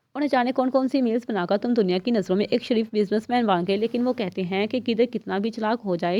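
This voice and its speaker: A woman's voice: fairly high pitch, mellow, no echo, lightly acted. A woman reading the part of a defiant young secret agent in a storybook reading, accusing and unafraid. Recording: dull, slightly lo-fi dry recording.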